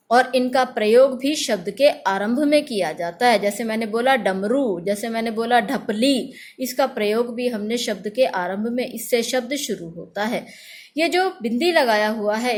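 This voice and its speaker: A woman teacher giving a grammar lesson, saying letters slowly and loudly for pupils to repeat after her. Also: fairly high pitch.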